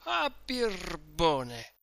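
A man doing a tipsy young man, loud and slurred. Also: fairly high pitch, expressive, creaky, a little hiss or hum, heavily acted. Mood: drunken outrage. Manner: slurred, drawn-out drunken shouting. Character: drunk young man, boastful and muddled.

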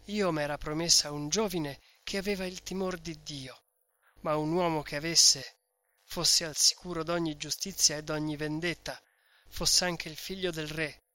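A man's voice: a little high, fairly even intonation, a little slow, sharp tone, dry recording. A man reading a novel aloud, voicing a tearful young woman who pleads through sobs. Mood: tearful pleading. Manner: sobbing, imploring delivery. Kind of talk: read-aloud novel dialogue.

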